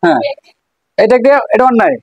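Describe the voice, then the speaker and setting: A woman's voice: a little high, lively intonation, a little fast, darkish tone, slightly rough, no echo, lo-fi sound. A woman teacher with a Bangladeshi Bengali accent, leading a classroom math lesson, asking questions and repeating answers.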